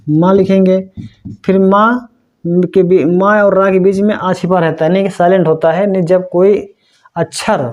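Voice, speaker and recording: A middle-aged man teaching a language lesson slowly and patiently, repeating each step and checking that the learners understood. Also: sits high, darkish tone. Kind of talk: slow blackboard-style language lesson.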